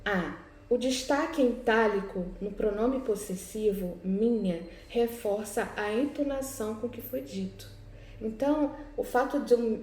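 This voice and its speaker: In this recorded class lesson, a Brazilian Portuguese–accented woman teacher goes over exercises, correcting them step by step in a warm, medium-pitched voice. Her explanatory style is dotted with "né?" and "tá?" as she checks in with students often. Faint background noise and room echo are present.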